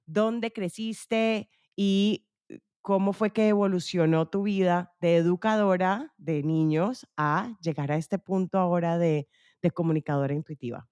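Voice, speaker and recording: A woman's voice: fairly low pitch, a little slow, a little mellow, smooth, dry recording, studio quality. A woman hosting a podcast interview, chatty and enthusiastic, with fillers and restarts. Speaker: podcast host. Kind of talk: casual interview.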